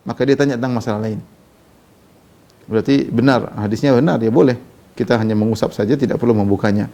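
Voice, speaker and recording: Male preacher, quick and mellow, reads Arabic then explains casually, sermon commentary. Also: medium pitch. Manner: reads Arabic text then explains in Indonesian, conversational with fillers. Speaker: Islamic preacher.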